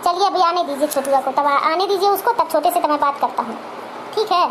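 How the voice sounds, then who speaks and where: A very high, quick cartoon voice for a protective young husband, as a woman plays him. He rattles on in his wife's defense. There is a noisy hiss behind the voice. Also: lightly acted. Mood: reassuring. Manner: reassuring, indignant. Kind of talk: cartoon comedy voice acting. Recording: noisy amateur recording.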